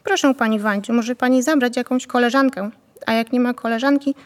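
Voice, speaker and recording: A woman's voice: a little high, steady tone, a little fast, lightly acted. A woman voicing a fawning middle-aged male shop owner who talks in a coaxing, ingratiating way.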